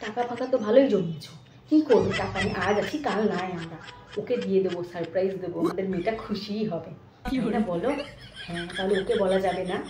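A woman playing a kind, fussy mother-in-law who coaxes her new daughter-in-law along in a comedy sketch, talking fast. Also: medium pitch, lively intonation, natural voice. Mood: confiding. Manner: fussy, coaxing, talks fast. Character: doting kind mother-in-law, middle-aged, fussing over her son's wife. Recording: echoey room with faint noise.

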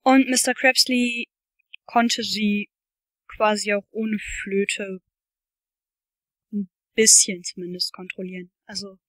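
A woman's voice: medium pitch, steady tone, slow, long pauses, a bit bright, dry recording. A woman reading a novel aloud for her channel, with casual, chatty commentary and fillers.

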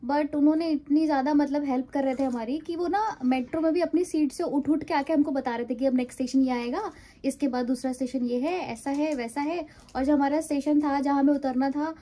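A young woman talks to her phone at arm's length, telling travel stories in a chatty, laughing way. Her voice sits high yet sounds mellow and soft. She speaks casually, as if to a friend. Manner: chatty storytelling, laughs often. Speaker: travel vlogger. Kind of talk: casual vlog chat to camera. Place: car at night, then hotel room. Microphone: phone camera at arm's length.

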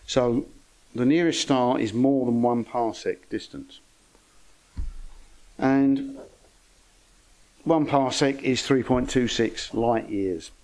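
A man's voice: medium pitch, slow pace, long pauses, a little mellow, rough recording. An older man giving an informal lecture to an astronomy club, with dry, wry humour and chatty asides. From England.

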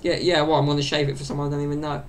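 A man in his twenties hosts a solo podcast from his small bedroom, talking into a desk mic placed off to one side. His high, gravelly voice races along very fast in a completely flat delivery, chatty and meandering and packed with fillers, over slight background noise.

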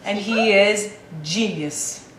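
Speaking slowly at medium pitch, a mother coaxes her toddler through letters in a sing-song, encouraging way. It's a home video shot indoors on a camcorder's built-in mic, with an echoey room and faint hiss.

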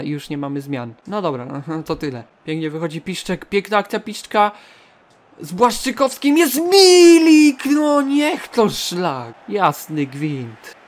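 A young man casually commenting on his own football video game match, getting excited, swearing and shouting at near misses. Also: on the high side. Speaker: gaming channel host.

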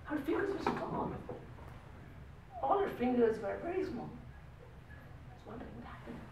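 Man, Indian accent, theatrical tall-tale storytelling, highly animated pitch, very echoey room. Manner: theatrical storytelling with acted-out dialogue and dramatic pauses. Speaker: speech contest speaker. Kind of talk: tall tale told as a live contest speech. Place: small meeting room with a whiteboard. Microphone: distant camera microphone. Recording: echoey room, distant mic, faint noise.

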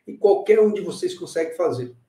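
A man's voice: high-pitched, animated, a little fast, dark tone, echoey room, recorded from a distance. A man teaching music in a live online lesson, talking animatedly, repeating phrases and checking in with his students.

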